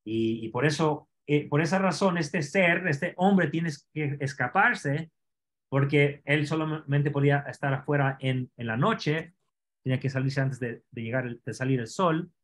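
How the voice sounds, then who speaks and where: A man teaching an online scripture class, explaining Hebrew words slowly and asking his students questions. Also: fairly high pitch, fairly bright tone.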